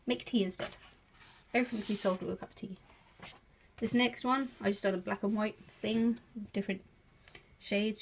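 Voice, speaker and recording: On a rough recording, a woman with a gravelly, darkish, breathy-edged mid-range voice chats in an English accent. The craft vlogger from England shows her work casually, laughing often and being self-deprecating.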